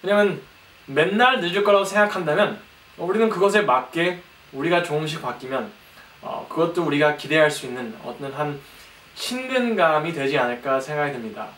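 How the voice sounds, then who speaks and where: A young man gives a sermon in a slightly high voice, caught from a distance in an echoey room. His speech is halting and careful, as if following written notes, with frequent pauses. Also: lively intonation, a bit bright. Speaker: preacher. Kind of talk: sermon, reading from prepared notes. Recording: echoey room, distant mic, faint noise.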